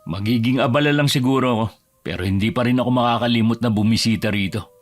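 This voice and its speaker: A man's voice: mid-range voice, fast, lightly acted. An actor playing a bus driver and husband who has turned curt and defensive, snapping and raising his voice. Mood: gentle. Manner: curt, bristling, flares into shouting. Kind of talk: audio drama acting. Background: music.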